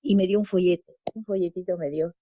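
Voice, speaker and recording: This is a personal faith testimony from a woman from Peru, an adult parent appearing as a guest, who recounts her conversion by acting out what people said and repeating phrases. She speaks quickly in a lowish, mellow voice. There's no echo, though the audio sounds dull.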